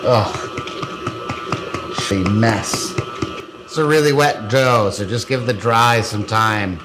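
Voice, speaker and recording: A man's voice: lowish voice, slow, over music. A man hosting a casual cooking demo, joking and crude as he bakes. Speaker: cooking show host.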